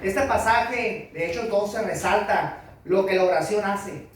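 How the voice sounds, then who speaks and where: A man's voice: high-pitched, a little slow, distant mic, a little hiss or hum. A man preaching a sermon as pastor, emphatic, asking rhetorical questions and calling for amens. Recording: echoey church hall from afar. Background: congregation responding.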